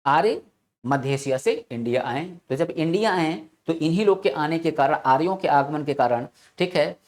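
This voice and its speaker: A man's voice: fairly high pitch, lively intonation, normal speed, darkish tone. Male teacher drilling answers by repetition. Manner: asks rhetorical questions, repeats answers, frequent "theek na". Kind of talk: classroom lecture.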